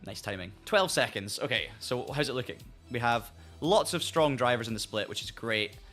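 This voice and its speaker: Casting: male livestream gamer, gentle Highland Scottish accent, mid-pitched, casual delivery over prominent music. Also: animated, moderate pace. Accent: soft, fairly neutral Highland Scottish. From Scottish Highlands, north of Inverness. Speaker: livestream host and sim racer. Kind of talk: casual livestream chat while gaming.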